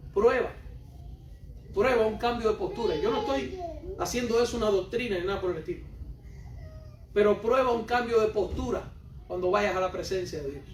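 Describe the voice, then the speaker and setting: A man's voice: high-pitched, slight background noise. A man preaching a sermon, emphatic and repetitive, putting questions straight to his congregation. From Cuba. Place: church hall. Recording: roomy hall, voice from a distance.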